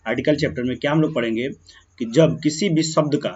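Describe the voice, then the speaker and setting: A man teaching a grammar lesson, slowing down as he writes words out and often checking that students follow. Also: mid-range voice, darkish tone, husky. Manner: keeps checking in with "ठीक है ना" and "clear है"; slow, drawn-out when writing words. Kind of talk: grammar lesson explaining on a board. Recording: dull, muffled lo-fi sound.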